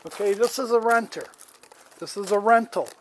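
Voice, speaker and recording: In this casual outdoor vlog, a homeowner in his seventies holds his phone as he walks his yard and airs an aggrieved complaint, rambling plainly and starting over at times. He has a high-pitched voice at a moderate pace, with a little hiss or hum.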